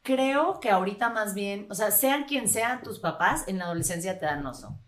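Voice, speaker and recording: Woman, Mexican accent, thirties, podcast guest, animated storyteller, laughs often. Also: mid-range voice, moderate pace. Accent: Mexican Spanish. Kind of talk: casual chat.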